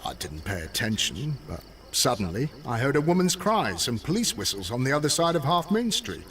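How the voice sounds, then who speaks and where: Confident police constable, lively delivery, distant game audio. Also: male voice, mid-range voice, moderate pace, slight background noise. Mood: official. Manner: official and matter-of-fact. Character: dutiful, self-assured London police constable.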